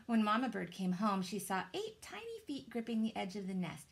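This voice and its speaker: A woman, reading a children's story aloud in a dramatic, deliberate way. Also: mid-range voice, sing-song, gravelly. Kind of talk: expressive children's storybook narration. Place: small indoor room with shelves.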